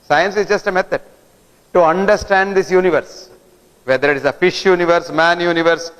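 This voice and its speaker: A man's voice: high voice, fairly even intonation, fairly quick, fairly bright tone, clear, resonant tone. Man lecturing in an echoing hall. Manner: didactic, fires rhetorical questions at listeners. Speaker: guest lecturer. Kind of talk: lecture to an audience. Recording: long hall reverb.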